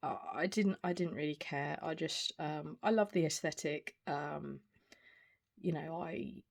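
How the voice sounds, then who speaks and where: A video reviewer in their forties gives a casual, unscripted product review, hesitant and rambling, in a mid-range voice that is a little slow. Clear background noise and small clicks are audible.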